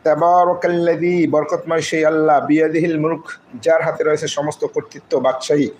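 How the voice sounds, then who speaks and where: A man teaching Quran recitation, spelling the Arabic syllable by syllable in a slow, drawn-out way and reciting short verse phrases. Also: on the high side, little pitch movement, a little mellow, slight background noise, low-quality recording. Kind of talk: spelling out and reciting Arabic letter by letter in a live class.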